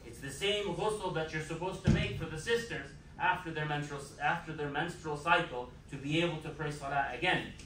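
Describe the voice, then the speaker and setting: A man's voice: on the high side, fairly quick, hardly any pauses, fairly bright tone, a little hiss or hum. A man giving a Friday sermon as imam in a mosque, emphatic and repeating his key phrases. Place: mosque prayer hall. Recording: echoey hall, mic far off.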